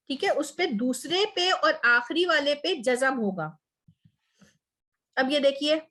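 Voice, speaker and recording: A woman teaches Quranic Arabic to a small online class, taking it step by step. Her voice sits high, and she keeps checking with her students as she goes. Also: bright, forceful tone. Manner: explains step by step, says "ठीक है" often.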